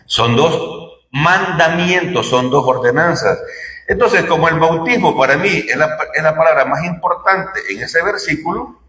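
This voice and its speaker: A man preaches in a church hall, his voice fairly high, bright and forceful, at a measured pace. He talks to the congregation in a conversational way, asking rhetorical questions, and the room is echoey.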